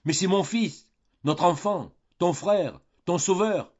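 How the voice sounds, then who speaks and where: A man reading an audiobook voices an older father, pleading and heartbroken, his voice loud and imploring in a dull, muffled recording. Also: fairly low pitch, very animated, measured pace, breathy edge, heavily acted.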